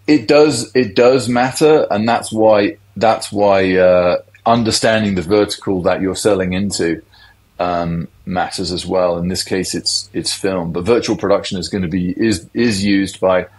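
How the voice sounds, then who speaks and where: A man's voice: lowish voice, rough recording. A middle-aged man, a tech industry guest, explaining things in a loose, conversational interview.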